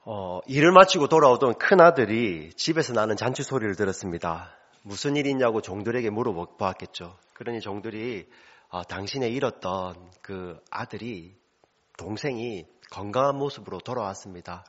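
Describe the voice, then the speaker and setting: A man pastor preaching a sermon, expressive, building to emphatic passages. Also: on the low side, normal speed, breathy edge. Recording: slightly dull lo-fi sound.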